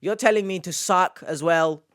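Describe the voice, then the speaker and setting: A man's voice: high-pitched, moderate pace, fairly bright tone, clear, resonant tone. A man casually reading out and answering comments as a YouTube host, with sarcastic, mock-indignant delivery and dry self-deprecation.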